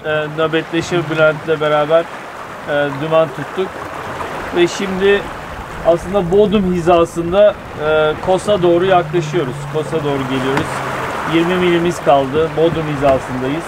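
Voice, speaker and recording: A man's voice: a little high, normal speed. A middle-aged man on a sailboat at sea, chatting easily about the trip so far. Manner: relaxed, chatty, with easy laughs. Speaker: sailor recounting the voyage. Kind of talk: casual travel narration. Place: on a sailboat deck at sea, outdoors. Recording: wind and wave noise at sea.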